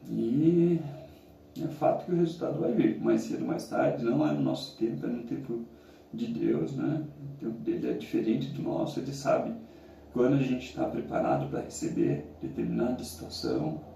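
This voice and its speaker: A middle-aged man with a Brazilian accent talks casually and reflectively in halting phrases while sitting in ice cold water. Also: medium pitch, very animated, creaky, warm tone. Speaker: challenge vlogger. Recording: roomy, echoing, distant mic, faint noise.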